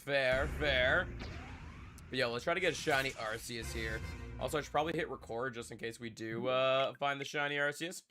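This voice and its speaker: With music in the background, a young man with a cold chats with his stream viewers, wandering off topic and saying things more than once. He talks at a normal speed in a mid-range voice that sounds congested.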